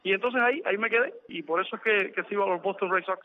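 A man's voice: sits high, fast talker, slight background noise. Man on a tinny phone line. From Cuba. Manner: hesitant, with many fillers and restarts. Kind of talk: casual chat.

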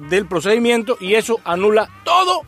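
Un hombre copresentador de un programa de charla, bromista y teatral, con acento cubano. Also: male voice, high-pitched, very animated, brisk, fairly bright tone, soft background music. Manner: joking, theatrical, flirtatious. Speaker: co-host. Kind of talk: playful talk show banter.

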